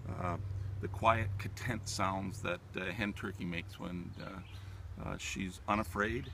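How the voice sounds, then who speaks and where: A man in his sixties giving an informal, halting demonstration as a hunting instructor, explaining things step by step. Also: deep voice, steady tone, creaky, fairly bright tone, slight background noise. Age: 60s. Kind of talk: informal outdoor demonstration talk. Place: outdoors in leafy woodland. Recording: distant mic outdoors, natural background sounds.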